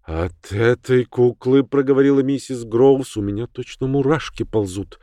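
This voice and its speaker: A man's voice: medium pitch, normal speed, dark tone, no echo, studio quality, pitched above the performer's own voice, natural voice. Man doing a blunt chatty cleaning woman. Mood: wary.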